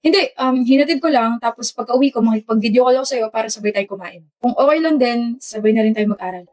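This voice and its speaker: A woman's voice: fairly high pitch, fast talker, darkish tone, lightly acted. A woman playing a playful, doting young boyfriend. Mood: eager. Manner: playful and persistent. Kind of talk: comedy skit acting.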